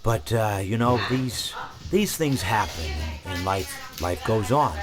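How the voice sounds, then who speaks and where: A man's voice: fairly low pitch, animated, takes it slowly, over music. A man voicing a talkative, mild-mannered animatronic hippo villain in a video game, telling stories in a meandering, hesitant way. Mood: rambling, polite. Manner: meandering, hesitant, digressive storytelling. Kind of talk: scripted video game monologue.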